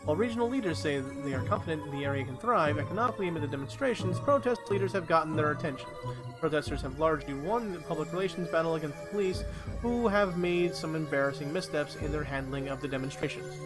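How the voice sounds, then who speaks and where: A man's voice: a little high, animated, quick pace, music in the background, rough recording. A man live streaming, reading a news article aloud and breaking off with blunt, profane commentary, often stumbling over words.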